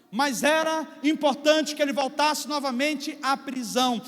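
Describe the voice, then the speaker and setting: A man's voice: very high-pitched, a bit bright. A man with a Brazilian Portuguese accent preaching a sermon in a church, telling a story and acting out its scenes. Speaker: pastor. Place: church sanctuary. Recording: reverberant church hall with faint music.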